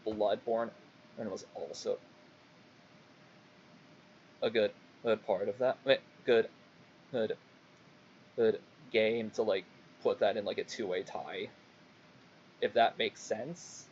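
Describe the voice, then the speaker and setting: Halting young man streaming, dull lo-fi mic. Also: on the low side, fairly even intonation, a little mellow. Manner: halting, rambling, frequent swearing. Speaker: VTuber streamer. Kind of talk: casual livestream monologue. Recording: dull lo-fi mic, faint background noise.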